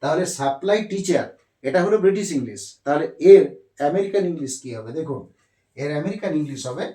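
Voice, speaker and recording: A man teaching English vocabulary, speaking slowly, repeating himself and spelling words letter by letter. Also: on the high side, sing-song, dark tone. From India. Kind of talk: explaining lesson on a board. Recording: echoey room.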